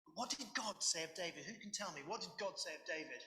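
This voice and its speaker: A man preaching a sermon, animated, with sudden loud emphasis and humorous asides. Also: high-pitched, fast. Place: church hall. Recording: echoey church room.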